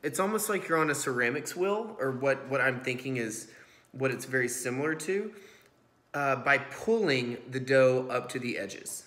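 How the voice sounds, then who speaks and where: An animated man in his 30s, medium-pitched and a bit bright, talks at a moderate pace through his casual cooking vlog, explaining as he goes with a self-deprecating streak. His home kitchen sounds roomy and echoing, recorded on an iPhone propped on a stack of books.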